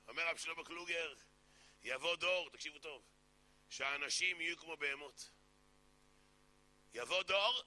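A man giving a sermon that mixes jokes with Torah teaching, telling stories in an animated way and acting out the characters. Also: medium pitch, slight background noise. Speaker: preacher.

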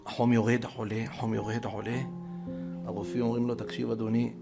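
Gravelly guy telling a dramatic story, whispers then gets loud, guitar playing behind. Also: medium pitch, little pitch movement. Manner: acts out quotes, dropping to whispers and rising loud. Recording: guitar music under the voice.

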